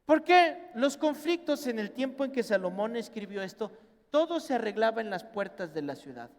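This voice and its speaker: Mexican pastor guy preaching, high voice, animated, does the family voices, big echoey church hall. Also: fairly quick. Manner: animated, acts out family members in quoted voices. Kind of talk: sermon. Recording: long reverb in a church hall.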